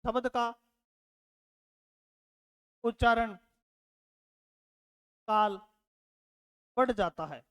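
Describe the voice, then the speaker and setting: A man's voice: very high-pitched, drawn-out words, pauses often, fairly bright tone, clean tone, long reverb tail. A man teaching a lesson, repeating his words and asking rhetorical questions, calling his learners children. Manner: addresses learners fondly as children. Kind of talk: classroom lecture.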